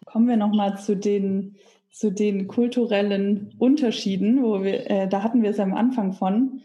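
A German woman interviewing a guest, listening closely and putting her questions calmly. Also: medium pitch, normal speed, muffled recording. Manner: attentive, with frequent short affirmations. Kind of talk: conversational interview.

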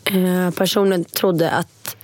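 A woman casually telling a story, animated and acting out the people in it. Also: lowish voice, dry recording. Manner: animated, quotes people in lively voices. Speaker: storyteller guest.

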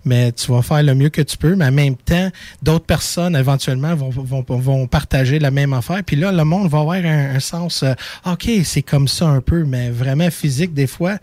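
English-accented man speaking haltingly. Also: fairly high pitch, a little mellow, dry recording. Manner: halting, slips English words in. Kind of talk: casual chat.

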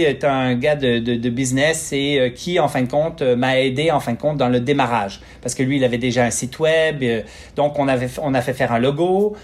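A middle-aged man with a Québécois accent, telling his story as an interview guest in a rambling, filler-heavy way. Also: medium pitch. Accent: Québécois French. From Quebec, Canada. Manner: rambling, many fillers and restarts, self-deprecating. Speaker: guest, physiotherapist and clinic founder.

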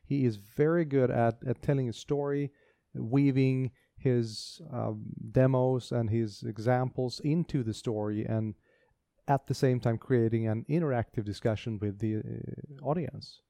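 A man's voice: mid-range voice, fairly even intonation, unhurried, creaky, dark tone, dry recording. A man co-hosting a casual tech podcast, talking with enthusiasm and frequent restarts. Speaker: podcast co-host.

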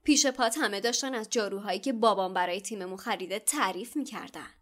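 A woman's voice: medium pitch, close to an everyday voice. A woman voicing a smug, spoiled rich schoolboy with a sneering, self-satisfied manner.

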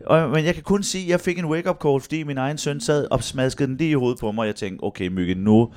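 Man, middle-aged, podcast guest, animated storyteller, slightly high pitch. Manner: animated storyteller who acts out quotes in shifting voices. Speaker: guest telling stories. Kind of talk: casual podcast chat.

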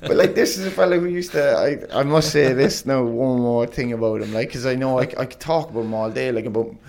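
Fast and darkish with vocal fry, this medium-pitched male voice belongs to a young ex-footballer. He rambles through stories in a relaxed interview, filling them with "like" and frequent laughter.

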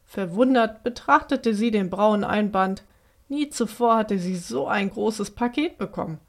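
A woman telling a children's story in a gentle, expressive way. Her voice sits in a mid range and her delivery is steady and clear. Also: mid-range voice, a little slow. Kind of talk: children's story read aloud.

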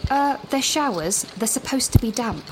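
This audio drama voice note features an actress as a chatty, anxious young British university student who rambles, breaks off mid-thought and pants while walking outside. Her fairly high voice is expressive and natural, at normal speed, with a noisy background.

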